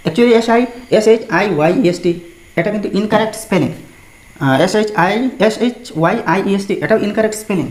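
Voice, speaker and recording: A woman's voice: mid-range voice, quick pace, a little mellow. A woman tutor teaching an exam-prep grammar lesson, explaining step by step and spelling words out letter by letter. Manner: mixes Bengali explanation with English examples. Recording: echoey room.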